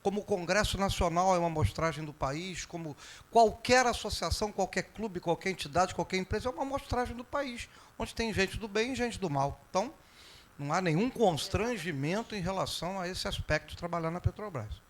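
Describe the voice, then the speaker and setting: Brazilian man reading notes, slightly high. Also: animated, brisk. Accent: Brazilian Portuguese. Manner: hesitant at first, reads from notes. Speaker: audience member asking a question. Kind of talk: audience comment.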